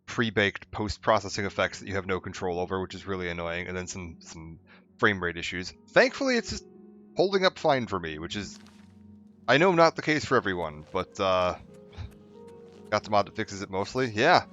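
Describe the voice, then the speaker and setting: A man's voice: sits low, animated, moderate pace, a bit bright, muffled recording, soft background music. A man streaming a game, chatting casually with many fillers and restarts. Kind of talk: casual let's-play commentary.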